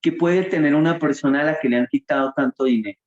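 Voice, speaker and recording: A Colombian man tells his testimony in an earnest preaching manner, voicing the dialogue he quotes. His voice sits a bit high and is mellow. The recording is roomy and dull, like lo-fi audio. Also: fast talker. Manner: earnest storyteller, acts out quoted dialogue with God.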